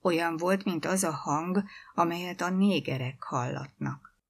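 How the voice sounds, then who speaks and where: A woman reading a literary short story aloud in a calm, measured narrating voice. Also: on the low side, creaky, husky.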